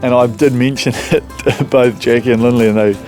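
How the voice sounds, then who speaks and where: A man's voice: medium pitch, fairly even intonation, brisk, darkish tone, soft background music. A man with a New Zealand accent, talking informally and plainly as a homeowner on a renovation show. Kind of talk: casual chat to camera.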